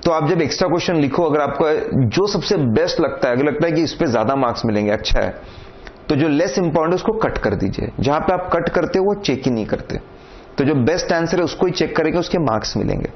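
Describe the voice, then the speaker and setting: A man's voice: a little high, expressive, quick pace. Indian man lecturing exam students. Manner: direct, repeats "correct?" and "theek hai", instructive. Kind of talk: lecture mixing Hindi and English. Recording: dull lo-fi sound with faint noise.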